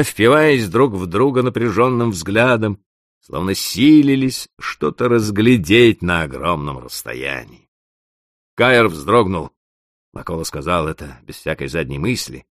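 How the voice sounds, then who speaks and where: A man narrating an audiobook with an expressive, dramatic reading. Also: lowish voice, dry recording, studio quality.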